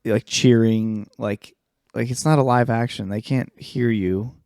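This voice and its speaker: A man's voice: mid-range voice, fairly even intonation, a little slow, darkish tone, smooth, dry recording, studio quality. A man co-hosting a podcast in casual chat, rambling and swearing, often losing his train of thought. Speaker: podcast co-host.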